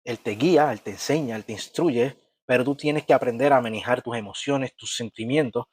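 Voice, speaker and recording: A man's voice: medium pitch, brisk, a little mellow, breathy edge, dry recording. A middle-aged man giving a conversational church talk on family life, earnest, often restarting words and checking in with his listeners. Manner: earnest, repeats and restarts words, asks "¿ves?".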